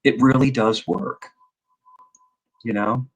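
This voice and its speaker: A man chatting casually in a group, animated and repetitive, who often slips into put-on voices. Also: mid-range voice, slow pace, crowd noise, poor audio. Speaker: host.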